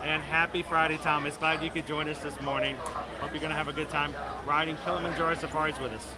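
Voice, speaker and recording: A man's voice: on the high side, little pitch movement, fast. A man hosting a livestream outdoors, chatting casually with his viewers. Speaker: livestream host. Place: outdoors at a theme park safari ride. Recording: loud outdoor vehicle and ambient noise.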